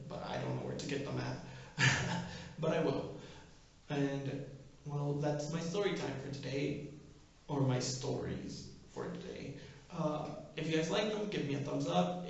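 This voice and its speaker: A man's voice: mid-range voice, creaky. A young man tells casual, comedic stories in a rambling, self-deprecating way, recorded in an echoing bathroom. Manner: self-deprecating, chuckles through rambling anecdotes. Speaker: vlogger telling personal stories. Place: bathroom, indoors. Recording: echoing bathroom, distant mic, slightly dull.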